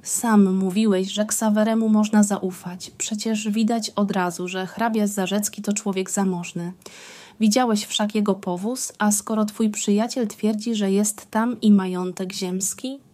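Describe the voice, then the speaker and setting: A gushing, emphatic countess full of enthusiasm, as a woman reads her in an audiobook. The voice is mellow and darker, and the pitch sits in the middle. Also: fairly even intonation, a little slow, natural voice. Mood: worried. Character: effusive, doting aristocratic countess and wife.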